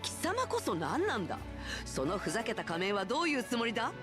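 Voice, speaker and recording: A woman's voice: on the high side, wildly swooping pitch, rapid-fire. A woman playing a prim, indignant young cartoon princess for a Japanese video game. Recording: music behind game clip. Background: game music.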